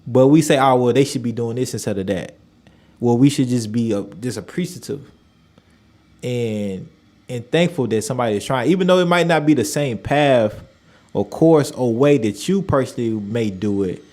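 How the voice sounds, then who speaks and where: A man's voice: medium pitch, normal speed, a little mellow. A man interviewing in a reflective, colloquial way, repeating his phrases and often voicing agreement. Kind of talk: conversational interview.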